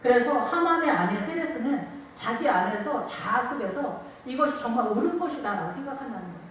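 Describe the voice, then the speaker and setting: A woman preacher giving a lively sermon, repeating phrases and acting out quotes, recorded from a distance in an echoey church with faint ambience. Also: a little high, a little fast, a little hiss or hum.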